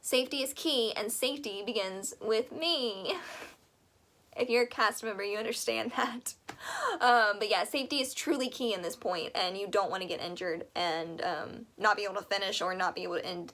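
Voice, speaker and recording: Hosting a laid-back advice vlog, a young woman talks fairly quickly in a steady, medium-pitched voice with a slightly bright quality. She's chatty and enthusiastic, drifting into asides, and her voice sounds a bit worn as she says she's losing it.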